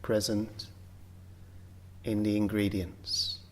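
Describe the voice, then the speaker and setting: Guiding a yoga nidra relaxation session, a man speaks in a fairly low, level tone. His instructions come very slowly and gently, in short phrases separated by ample pauses.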